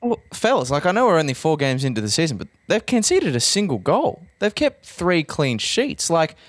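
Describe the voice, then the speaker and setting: Animated Australian man on a dry mic. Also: on the high side, no echo. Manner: animated, quick, jokey. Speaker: podcast co-host, football pundit. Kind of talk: casual podcast chat.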